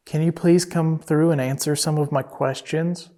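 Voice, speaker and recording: During a night investigation, a paranormal investigator calmly coaxes and questions an unseen presence. The voice is mid-range and the pace moderate.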